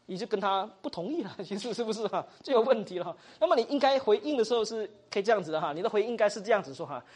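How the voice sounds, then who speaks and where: Racing along in an animated, mid-range voice with a darkish tone, a teacher presents a Bible study lesson, mixing in English, often asking the class questions, tagging sentences with small particles, and acting out example dialogues.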